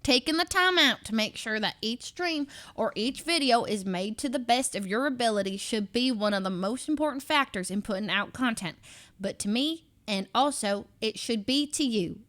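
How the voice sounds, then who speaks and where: High-voiced woman reading aloud in switching put-on accents. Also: lively intonation, normal speed, a bit bright. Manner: switches between Southern, British and valley girl accents as practice; stumbles and restarts while reading. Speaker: live streamer. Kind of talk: reading a book aloud with off-hand asides.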